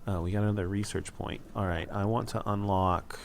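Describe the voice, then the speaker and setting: A man with a deep, gravelly voice talks his way through a strategy game. He thinks aloud at a relaxed pace and drops dry, wry asides. A faint hiss sits under the recording. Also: brisk. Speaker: let's play host. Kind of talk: casual gameplay commentary.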